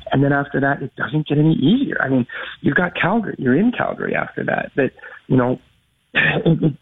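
A man's voice: a little high, expressive, fairly quick, gravelly, husky. A man hosting a sports radio talk show, thinking aloud with fillers and restarts. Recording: tinny phone-like radio sound.

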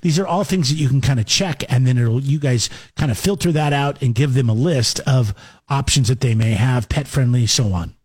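A man's voice: mid-range voice, darkish tone, breathy edge, no room sound. A man hosting a morning radio show from the studio, chatting casually and teasing his guest. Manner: joking, teasing, quick. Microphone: studio microphone.

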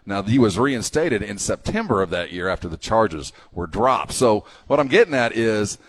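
Lively male sports radio co-host, halting delivery. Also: on the low side, husky. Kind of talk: casual sports talk banter.

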